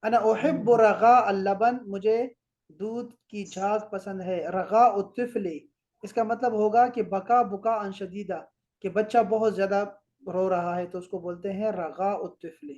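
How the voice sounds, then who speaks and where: Brief: Pakistani man, Arabic teacher checking homework, repeats words slowly. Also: sits high, steady tone, darkish tone, highs cut off. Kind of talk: correcting homework in class.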